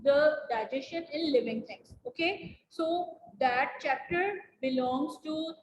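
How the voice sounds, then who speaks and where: A woman's voice: high-pitched, slow pace. A woman teaching a biology lesson in an online class, patient and repetitive, stopping to correct pronunciation and calling on students. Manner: patient, repeats key points, addresses students as "beta". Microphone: video call. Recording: echoey room, faint background noise.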